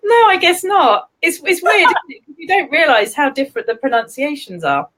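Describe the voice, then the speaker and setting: A chatty English woman hosts a relaxed live-stream conversation, laughing often as she talks. Her voice sits high and swoops lively up and down. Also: a little fast. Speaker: host. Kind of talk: casual live-stream chat.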